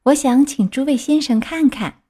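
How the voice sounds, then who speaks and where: A woman's voice: sits high, normal speed, voice pushed up, natural voice. A woman voicing a patient, motherly fairy coaxing a sick child. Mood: gentle coaxing. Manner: gentle, coaxing.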